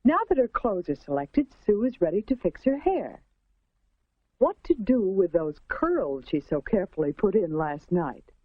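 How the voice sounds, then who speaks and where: 1950s-style woman narrator, American, lively intonation. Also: lowish voice, no echo. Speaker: educational film narrator. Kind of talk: 1950s instructional film narration, scripted. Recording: muffled vintage 1940s film soundtrack.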